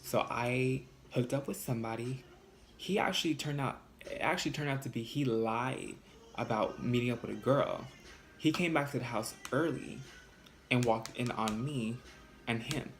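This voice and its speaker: A man telling a dramatic personal story to the camera in a casual vlog. He swears a lot, and his voice leaps high whenever he acts out the arguments. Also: moderate pace, slight background noise. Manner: animated, profane, jumps high in pitch when quoting arguments. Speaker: vlogger.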